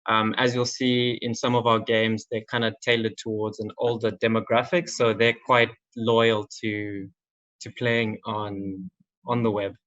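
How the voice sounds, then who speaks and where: A young Zimbabwean games marketing manager speaks at an online conference in a lowish, fairly bright voice with a flat delivery and measured pace. His style is casual and filled with frequent "um" and "like," and the recording is slightly dull and lo-fi.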